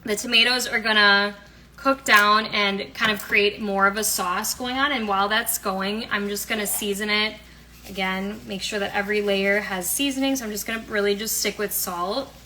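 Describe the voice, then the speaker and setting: Speaking at a moderate pace with a steady, bright and forceful tone, a young medium-pitched host runs a casual at-home cooking demo. She's a cooking and health coach who rambles cheerfully with many fillers. Clattering pans and utensils make the kitchen recording noisy.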